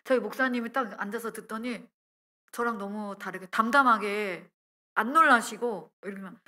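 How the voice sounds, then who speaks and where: A young woman preaching a testimony sermon in a lively storytelling style. She acts out her own quoted words as she goes. Her voice has a bright edge. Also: medium pitch, moderate pace.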